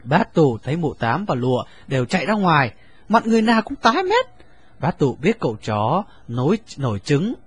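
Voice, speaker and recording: A man narrating a story in an expressive, lively reading. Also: a little high, moderate pace, breathy edge, no room sound.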